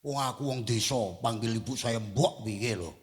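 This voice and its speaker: A man's voice: medium pitch, normal speed. A man preaching a humorous sermon, telling jokes and stories in a church sanctuary. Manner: animated, joking storytelling. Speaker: pastor.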